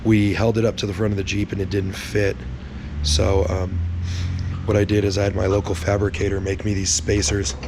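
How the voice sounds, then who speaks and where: A man speaks in a raspy, worn-out voice, hoarse and low, with heavy fry. He explains hands-on work casually and bluntly, swearing freely. There is clear noise behind him. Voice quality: raspy, strained, gravelly voice. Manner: blunt, swearing, laid-back. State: hoarse, sick with little voice. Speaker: host of a truck build vlog.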